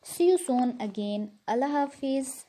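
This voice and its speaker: A woman's voice: sits high, animated, a little slow, dark tone, a little hiss or hum. A woman narrating a showcase as a channel host, in effusive, repetitive phrasing.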